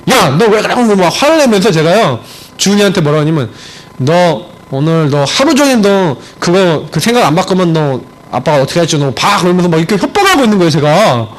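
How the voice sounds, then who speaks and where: A male pastor preaching a sermon, telling a family story, swinging from emphatic high points to low, quiet storytelling. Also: low-quality recording. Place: church sanctuary.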